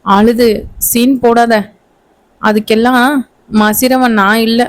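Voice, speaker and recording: A woman's voice: fairly high pitch, little pitch movement, slow pace. A woman reading a storybook voices a bitter young husband who scolds and threatens his new wife in a curt, menacing way. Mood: harsh, menacing.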